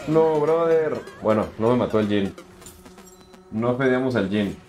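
A man's voice: mid-range voice, animated, a little slow, a little mellow, faint music behind. A young man with a Mexican accent, casually commenting on his game live and answering chat in slangy, chatty talk. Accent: Mexican Spanish. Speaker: streamer.

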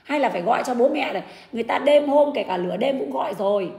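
A woman's voice: fairly high pitch, animated, fast, vocal fry, warm tone, roomy sound. A woman in an indignant livestream rant, bluntly answering her critics. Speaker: livestreamer defending her husband.

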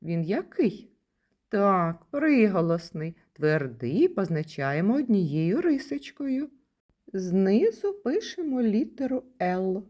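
Slow, lively-voiced kindergarten teacher woman. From Ukraine. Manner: sing-song, stresses key words with rising pitch. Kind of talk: slow, patient lesson for young children.

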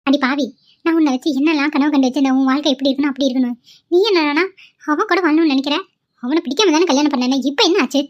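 A woman voicing a pushy middle-aged cartoon mother who scolds her daughter harshly. The voice is high and fast, and the recording is dull and lo-fi. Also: natural voice. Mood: scolding. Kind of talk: cartoon voice acting.

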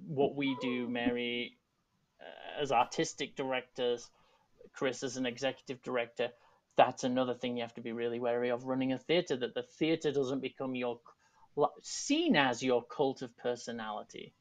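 Talking from a home room over a video call with earphones, this thirty-something teaching artist and artistic director from England keeps his Yorkshire accent softened for Americans. He's casual and thoughtful on the panel, with frequent restarts and asides, speaking at normal speed in a medium-pitched, fairly even voice. The call audio is dull and lo-fi.

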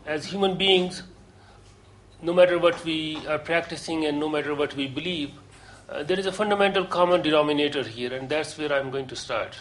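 A man giving a lecture to a seminar group, earnest and deliberate, pausing often with hesitations. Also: a little high, steady tone, fairly bright tone, a little hiss or hum, rough recording. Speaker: course lecturer.

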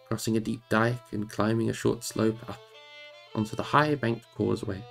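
Guy reading an audiobook on stream, gravelly voice, soft guitar music behind. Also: mid-range voice. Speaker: audiobook reader on a live stream.

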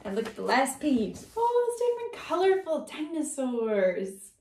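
A woman teacher with a high, bright-pitched voice reads a picture book aloud to small children. She talks slowly and in a sing-song way, with wide swoops of pitch and coaxing questions. The sound is roomy and echoey. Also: huge pitch swings, background noise. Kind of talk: children's read-aloud lesson.

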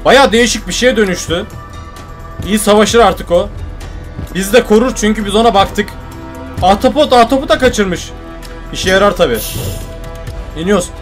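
A man with a fairly high voice narrates his gameplay live, reacting loudly and joking with his audience. His commentary is fast-moving and excitable. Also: soft background music. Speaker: gaming video host. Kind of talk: let's play commentary.

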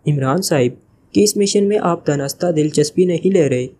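A man's voice: on the high side, normal speed, dark tone, a little hiss or hum, natural voice. A man reading the part of a polite, respectful male agent.

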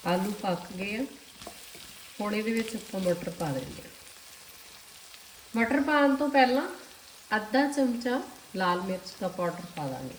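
A woman with a Punjabi accent, hosting a cooking channel, calmly explaining each step and speaking to viewers directly. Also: mid-range voice, measured pace, long pauses. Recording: echoey kitchen with faint noise. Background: sizzling and stirring of food.

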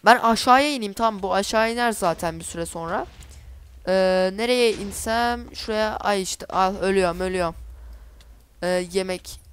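Woman, gameplay commentator, mid pitch, smooth tone, chatty and easily exasperated. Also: moderate pace. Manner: chatty, easily exasperated, talks to herself while playing. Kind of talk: casual let's-play commentary.

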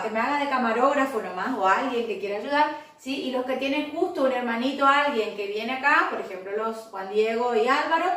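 Patient Argentine teacher in an echoey room. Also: female voice, sits high, a bit bright, distant mic. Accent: Argentine Spanish. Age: 40s. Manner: slow, patient, checks in constantly with short questions. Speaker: English teacher. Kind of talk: recorded video class for children.

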